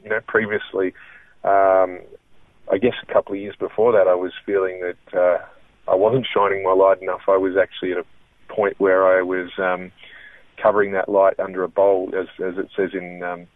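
A Melbourne comedian and impressionist, an Australian man with a low voice that barely moves in pitch, speaks earnestly in a casual interview. He halts and restarts his sentences often. The audio comes over a phone, sounding tinny and dry with no echo.

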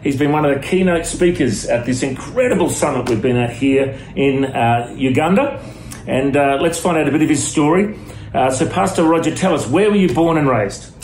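A man's voice: on the high side, normal speed, darkish tone. Interview host man in an echoey room. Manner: brief affirming backchannels. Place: in Kampala, Uganda. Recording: echoey room, faint noise.

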